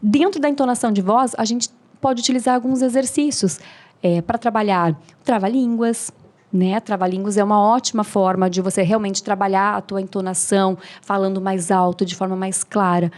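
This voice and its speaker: A woman's voice: mid-range voice, fairly even intonation, normal speed, darkish tone. A woman, a speaking mentor explaining tips in a friendly, teaching way as a podcast guest. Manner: didactic, demonstrative, friendly.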